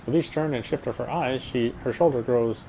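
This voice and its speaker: Reading a horror game's story aloud, a player delivers it as dramatic narration, now and then stumbling and repeating phrases. His medium-pitched voice moves at a moderate pace against a noisy background with game music.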